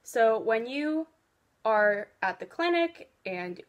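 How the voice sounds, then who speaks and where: A woman's voice: a little high, sing-song, takes it slowly. A teenage girl chatting casually while doing her makeup, giving earnest cheer tryout advice with lots of fillers. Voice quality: loud voice. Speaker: beauty vlogger. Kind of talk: casual get-ready-with-me chat.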